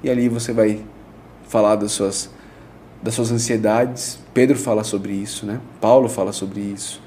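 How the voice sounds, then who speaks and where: A man, a pastor explaining in a relaxed conversational way, using everyday examples and frequent tag questions. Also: lowish voice, moderate pace, slight background noise. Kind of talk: conversational teaching on prayer.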